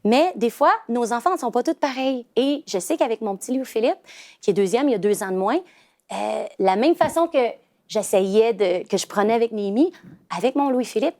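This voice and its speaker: A woman's voice: on the high side, animated, moderate pace, a little mellow. A woman in her thirties with a Québécois French accent, telling family stories as a guest on a talk show, with many fillers and restarts. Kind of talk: casual talk show chat.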